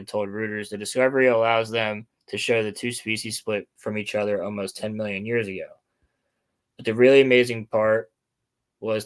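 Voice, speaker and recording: A man's voice: on the low side, a bit bright. A man hosting a casual chat, presenting topics and reading articles aloud to his co-host.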